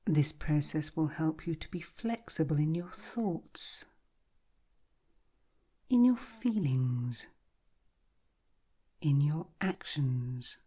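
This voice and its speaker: A woman guiding a hypnotic relaxation in a soft, breathy, half-whispered voice, slow and soothing like a calming countdown. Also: sits low. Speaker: hypnotherapy guide. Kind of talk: guided hypnosis relaxation, scripted narration.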